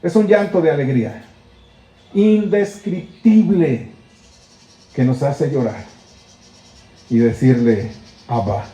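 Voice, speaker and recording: A man's voice: a little high, lively intonation, takes it slowly, pauses often, mellow, soft background music. A man with a Mexican accent preaching a sermon in a church, earnest and full of rhetorical questions, acting out heartfelt prayers. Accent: Mexican Spanish. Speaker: pastor. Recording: echoey church room.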